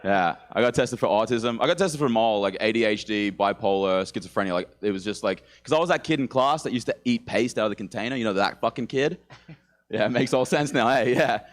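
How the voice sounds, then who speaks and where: A man's voice: fairly low pitch, fast talker. Laid-back Australian man telling stories. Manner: laid-back, swearing, laughing mid-story. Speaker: guest comedian. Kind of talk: casual stand-up chat.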